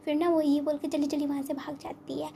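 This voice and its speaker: A young woman casually retelling a comic story in a quiet voice from a room at home, mixing in English words. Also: sits high, level tone, quick pace, creaky, a little hiss or hum. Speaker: manga explainer. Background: ceiling fan running.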